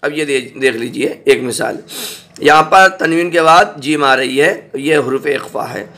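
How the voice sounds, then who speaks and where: A man teaching Quran recitation, spelling out each word slowly and repeating it, often checking that the listener understands. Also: mid-range voice, sharp tone. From South Asia. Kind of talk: slow spelled-out recitation lesson.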